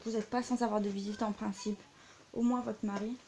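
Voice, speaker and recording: A woman's voice: medium pitch, little pitch movement, fairly quick, a little mellow, a little hiss or hum. A young adult woman chatting casually in a show-and-tell vlog, full of fillers and side remarks. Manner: chatty, many fillers and asides. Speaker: vlogger.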